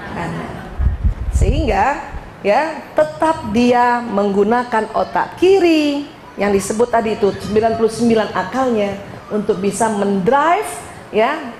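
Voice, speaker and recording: Woman lecturer, high lively voice, teasing, echoey hall, faint room noise. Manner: animated, teasing, addresses audience as "Bu". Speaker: speaker giving a parenting talk. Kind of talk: lively lecture to a women's study group.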